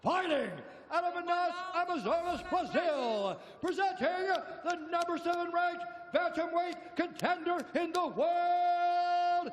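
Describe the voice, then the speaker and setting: A man working as a ring announcer, giving booming, theatrical fight introductions with drawn-out names. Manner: theatrical, stretches out names and key words. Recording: echoey arena PA, background noise.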